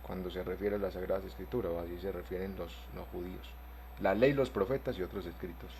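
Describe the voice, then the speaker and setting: Low-voiced man teaching a Bible class. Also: fairly even intonation, vocal fry, noisy background. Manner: spells words out slowly, asks "¿cierto?". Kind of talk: online class lecture.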